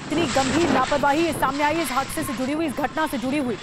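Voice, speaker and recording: A woman's voice: sits high, fairly even intonation, quick pace, heavy background noise. A woman news anchor narrating breaking news in an urgent, dramatic tone, often asking the viewer to imagine the scene.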